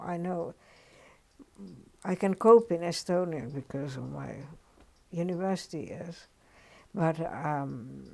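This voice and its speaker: In an oral history interview, an older woman from Finland tells her story slowly and reflectively, with many pauses and a Finnish accent. Her voice is low and creaky, with a somewhat dark tone.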